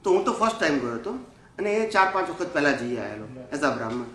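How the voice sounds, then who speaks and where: A man, a spiritual teacher, telling lively personal anecdotes at a satsang, often chuckling and mixing in English phrases. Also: a little high, fast talker, roomy sound, a little hiss or hum. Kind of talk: storytelling at a satsang. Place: gathering room in the USA.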